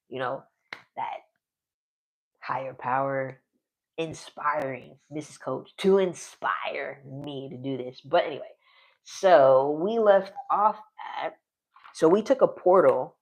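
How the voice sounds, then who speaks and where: The audio is poor as a man in his forties casually narrates a solo tabletop game on stream. His fairly high voice moves a little slowly, wandering, trailing off mid-thought and frequently breaking into laughter.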